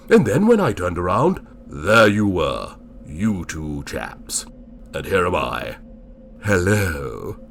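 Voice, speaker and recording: A man playing a pompous gentleman ghost. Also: deep voice, vocal fry, slight background noise, exaggerated voice. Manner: wordy, pompous and politely bemused. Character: genteel, fussy middle-aged English gentleman ghost. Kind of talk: first-person storytelling and acting.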